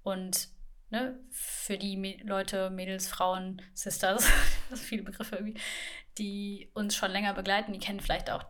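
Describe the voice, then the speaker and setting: A woman's voice: medium pitch, level tone, moderate pace, a bit bright. A woman co-hosting a casual podcast about communication, speaking in a chatty way with frequent laughs and English phrases mixed in. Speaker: podcast co-host, coach.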